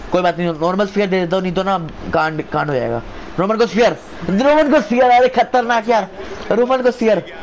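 High-pitched man, informal wrestling game commentator. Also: slight background noise, low-quality recording. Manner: chatty play-by-play like an informal wrestling commentator, repeating phrases. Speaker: gamer commentating his own wrestling video game match. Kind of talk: excited casual gameplay commentary.

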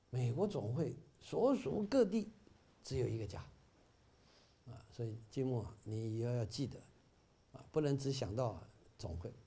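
A man's voice: mid-range voice, mellow. A middle-aged man giving an informal Buddhist talk to fellow volunteers, full of "ah" fillers and rising to emphatic peaks. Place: bookstore meeting hall.

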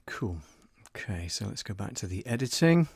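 Working at his desk in a small indoor studio, the middle-aged streamer and voiceover producer keeps muttering to himself in casual live-stream commentary, close to his desk mic. This time his fairly low voice swings widely in pitch at a moderate pace, sounding creaky, husky and a little mellow.

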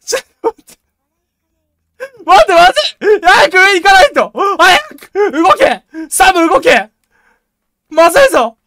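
A woman streamer talking to herself through a tense match in rough, slangy, excitable speech. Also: very high-pitched, a little slow, pauses often, no room sound, studio quality. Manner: jumpy, excitable self-talk, rough slangy speech, frequent laughs. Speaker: game streamer. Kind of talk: live gameplay commentary.

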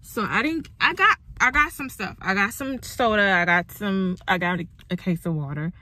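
A woman's voice: mid-range voice, normal speed, pushed and bright. A woman, chatting casually in a rambling vlog with lots of fillers. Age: 20s. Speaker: vlogger. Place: on the go, outdoors and in a car.

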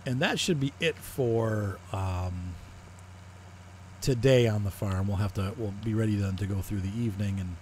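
Man, lowish voice, relaxed game commentary, thinking aloud, faint engine noise behind. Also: normal speed. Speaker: gaming video host. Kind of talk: casual farming-sim commentary.

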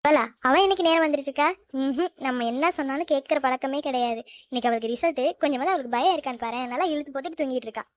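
A woman voicing a brisk, teasing mother-in-law in a cartoon. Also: high voice, dry recording, muffled recording, natural voice.

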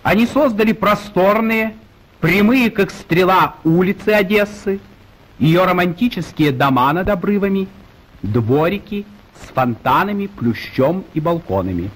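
Man, old-newsreel narrator, high and husky, formal declamatory delivery. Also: lively intonation, unhurried, fairly bright tone, rough recording. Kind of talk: 1930s Soviet newsreel narration.

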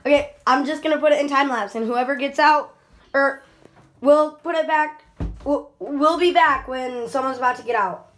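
A woman's voice: high-pitched, normal speed, a bit bright, a little hiss or hum. A young female behind the camera, chatting casually as she runs a home vlog challenge. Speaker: camera operator running the challenge. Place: small bathroom. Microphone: handheld phone, close by.

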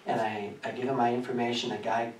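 A man preaching a sermon, telling a personal story in a lively way and often laughing as he speaks. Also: medium pitch, fast talker, slight background noise. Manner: animated, laughing through his story. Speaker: pastor. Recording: echoey church from a distance.

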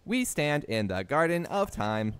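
A man's voice: a little high, sing-song, unhurried, clean tone, pitched above the performer's own voice. A man putting on a robot voice to voice a formal male construct guide, reading the game's text aloud in a stiff, formal way. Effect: put-on robot voice, no filter. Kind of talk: reading in-game text aloud during a gameplay video.

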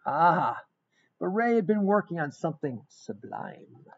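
A middle-aged man reading a rhyming picture book aloud in an expressive, emphatic storytelling manner. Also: fairly high pitch, unhurried. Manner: emphatic, dramatic storytelling with repeated phrases. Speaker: guest reader of a children's book. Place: small indoor room. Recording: dull, lo-fi webcam sound.

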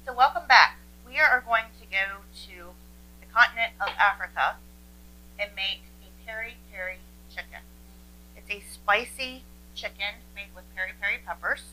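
A woman's voice: mid-range voice, moderate pace, bright, forceful tone, slight background noise, rough recording. A woman in her forties hosting a cooking show from a home kitchen, chatting and sharing tips as she cooks. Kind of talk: casual cooking demonstration.

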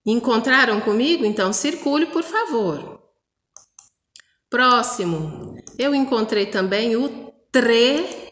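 Woman teacher, from Brazil, slow and patient delivery, sounds out words for kids, roomy echo, long reverb. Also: a little high, expressive, a bit bright. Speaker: primary school teacher. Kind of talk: recorded lesson for young children. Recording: echoey room with long reverb.

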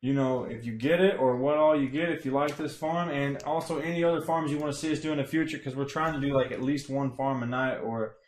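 A man's voice: medium pitch, fast talker, few pauses. Laid-back man giving a game guide. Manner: relaxed, rambling, many fillers. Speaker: streamer explaining a gold farm. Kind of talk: casual game guide commentary. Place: home room, indoors. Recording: echoey room.

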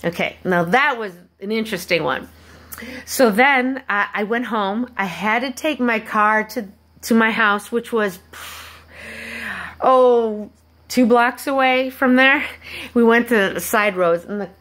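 Rambling woman telling her own story. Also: fairly high pitch. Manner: rambling, halting, many restarts and asides; animated when acting out quoted people. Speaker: vlogger. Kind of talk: personal storytelling to camera.

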